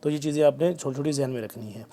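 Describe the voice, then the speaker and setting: A man teaching a Quran recitation lesson, drawn-out chanted phrases mixed with quick explanations, patiently repeating letters to drill them. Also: medium pitch, vocal fry, mellow. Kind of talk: tajweed lesson, slow recitation between fast explanation.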